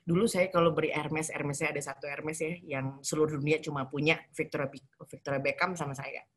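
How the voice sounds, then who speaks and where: A woman's voice: low voice, flat delivery, fairly quick, slight background noise. A middle-aged woman from Indonesia giving an emotional spoken testimony on a video call, switching between formal talk and slang with English phrases mixed in. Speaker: guest speaker sharing testimony.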